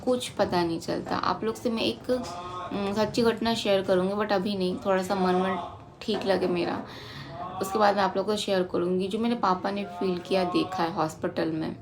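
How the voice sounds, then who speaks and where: A woman's voice: mid-range voice, fairly even intonation, moderate pace, crowd noise. A woman in her thirties talking casually and emotionally as she recounts a family story in a personal vlog. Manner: emotional, conversational, recounting in detail. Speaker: vlogger.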